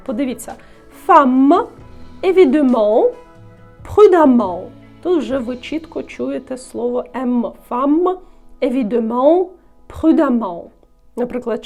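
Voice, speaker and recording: A woman from Ukraine teaching a pronunciation lesson as a French tutor, saying example words slowly and clearly. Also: a little high, dark tone. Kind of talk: language lesson.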